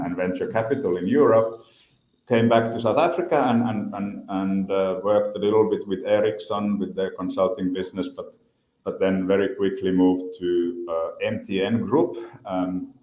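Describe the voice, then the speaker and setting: A man's voice: deep voice, darkish tone, dull audio. A man in his fifties from Finland with a Finnish accent, answering interview questions hesitantly, with many repeated words and fillers. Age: 50s. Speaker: guest. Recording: echoey room.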